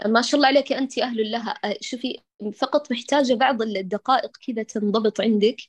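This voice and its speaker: A woman's voice: fairly high pitch, very fast, slightly rough. A woman teaching Quran recitation who patiently corrects her students, models each sound and praises them with many blessings. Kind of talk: online recitation correction lesson.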